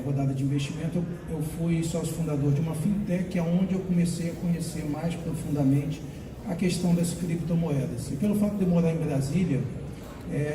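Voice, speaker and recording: A man speaking at a panel, talking with many hesitations and fillers. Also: fairly high pitch. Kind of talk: panel talk. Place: conference hall. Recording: echoey room, far from mic, noisy.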